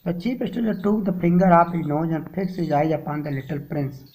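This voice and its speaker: Indian English male teacher, high-pitched and mellow, unhurried, explains each word, lots of "uh". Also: rough recording. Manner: reads a sentence then glosses words in simple terms, halting with fillers. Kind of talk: lesson explaining a story line by line.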